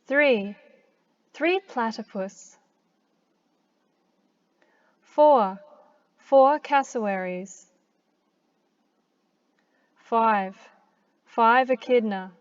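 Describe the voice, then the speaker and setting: A woman with an Australian accent slowly demonstrates pronunciation, pausing carefully after each word. Her voice sits fairly high, and the recording is somewhat dull and lo-fi. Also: smooth. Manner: slow deliberate word-by-word pronunciation with long pauses. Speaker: English accent teacher. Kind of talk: slow demonstration of counting aloud.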